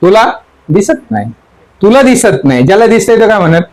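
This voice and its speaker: A man with a high-pitched voice gives a sermon, teaching through the words of a song. He repeats the same line over and over and keeps asking his listeners what it means. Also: big pitch swings, brisk, darkish tone, low-quality recording. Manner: asks the audience question after question. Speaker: spiritual teacher. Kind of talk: sermon explaining song lyrics.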